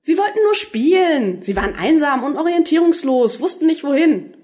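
An eager, quirky time traveller who rambles on when excited, as a woman reads him aloud. The voice swings up and down with lively expression, in a storybook reading. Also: sits high, brisk, voice pushed up.

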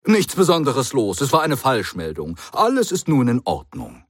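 A man's voice: medium pitch, wildly swooping pitch, normal speed, breathy edge, no room sound, studio quality, pitched above the performer's own voice. A man voicing an eccentric, cheerful alien time traveller who talks in a breezy, theatrical, joking way.

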